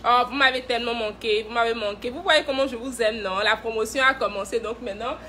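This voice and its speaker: A woman's voice: on the high side, fast talker, bright, forceful tone, a little hiss or hum. A woman who directs a cosmetics brand, hosting a casual live stream, playful and teasing, laughing often and greeting viewers by name.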